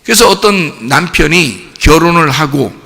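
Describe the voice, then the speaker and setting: Male pastor, high animated voice all over the place, echoey church hall. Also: moderate pace, gravelly. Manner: lively, playful, acts out cheering crowds. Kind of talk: sermon. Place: church sanctuary. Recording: church hall with long reverb.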